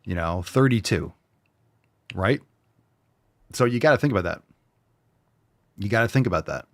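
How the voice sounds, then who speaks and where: A man's voice: on the low side, expressive, moderate pace, no room sound, clean studio sound. A man in his forties hosting a fitness show, talking bluntly and swearing as he pushes viewers to work out. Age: 40s. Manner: blunt, profane, pushy motivator. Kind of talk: motivational livestream talk, reading viewer comments.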